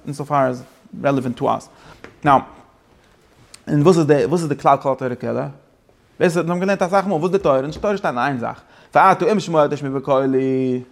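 A man's voice: a little high, gravelly. A man teaching a Torah class, switching between English phrases and his main language, with frequent restarts.

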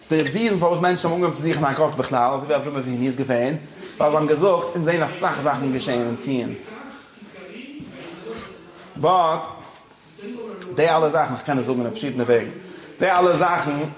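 Man teaching in an echoey room. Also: medium pitch. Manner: switches between Yiddish and English, often checks in with listeners. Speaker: religious teacher. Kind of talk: informal religious lecture.

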